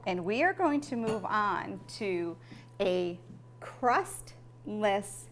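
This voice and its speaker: A woman's voice: mid-range voice, lively intonation, drawn-out words, a little hiss or hum. A middle-aged woman hosting a home cooking show with her family, chatting, explaining steps and laughing often. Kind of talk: casual cooking demo with family.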